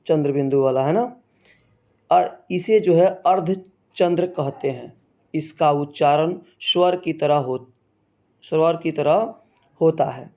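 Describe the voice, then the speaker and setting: Slow, mellow-voiced male Hindi teacher. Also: a little high. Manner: slow, measured, repeats "है ना" as a check-in. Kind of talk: slow explanatory lesson.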